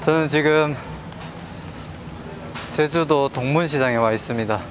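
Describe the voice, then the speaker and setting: A man's voice: a little high, rapid-fire, a crowd in the background. A man hosting a vlog, talking through a face mask in a busy outdoor market, giving upbeat travel narration. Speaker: vlog host. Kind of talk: casual vlog chat.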